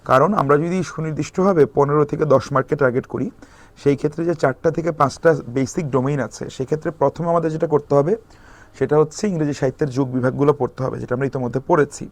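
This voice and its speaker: Male lecturer, young adult, quick delivery, slightly high voice, dry close sound, explanatory with fillers. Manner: explanatory, mixes English terms into speech, many fillers. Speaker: exam prep lecturer. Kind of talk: recorded lecture.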